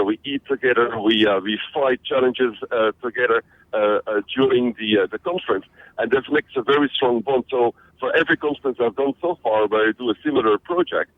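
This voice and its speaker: A middle-aged man from Belgium, a guest on a radio interview, talking energetically with many restarts and fillers. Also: medium pitch. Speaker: interview guest, social media trainer. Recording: phone-like narrow band audio.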